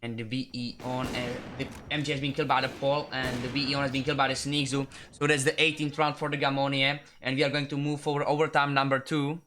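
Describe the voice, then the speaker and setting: Flat-voiced male esports caster. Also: medium pitch, quick pace, few pauses, a little hiss or hum. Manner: steady running commentary with frequent self-corrections. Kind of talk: live play-by-play game commentary.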